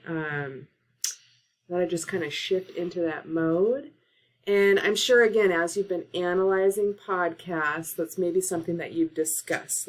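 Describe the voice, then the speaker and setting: A woman teacher-librarian giving a casual tutorial, talking through steps on her laptop with frequent fillers, recorded on the laptop microphone. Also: mid-range voice. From Oregon. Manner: casual, filler-heavy instruction. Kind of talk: screen-share tutorial.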